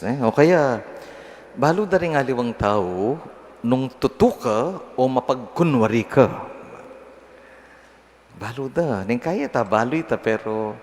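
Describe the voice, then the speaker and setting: A middle-aged male priest from the Philippines giving a homily at Mass in a conversational, teasing way, chuckling at his own examples. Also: mid-range voice. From Pampanga, Philippines. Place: large church. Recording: long church reverb, faint noise.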